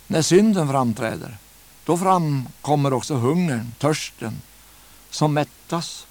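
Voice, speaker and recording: A man's voice: mid-range voice, a little mellow. Guy giving an earnest sermon, lots of rhetorical questions, drags out the big words. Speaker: preacher.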